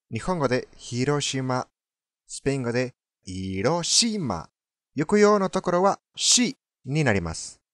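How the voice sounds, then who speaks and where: Lively man explaining pronunciation. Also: a little high, no echo, studio quality. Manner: explains slowly, repeats words to model pronunciation. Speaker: Spanish tutor commenting on a learner. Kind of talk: casual language lesson commentary.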